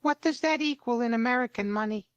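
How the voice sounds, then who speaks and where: A woman's voice: on the high side, fast talker, clean tone, dry recording, dull audio, natural voice. Synthetic woman's voice playing a whiny put-upon guy. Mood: flustered. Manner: whiny, complaining, grudgingly obeys. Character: exasperated put-upon young man, armless and pantless. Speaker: AI role-play partner.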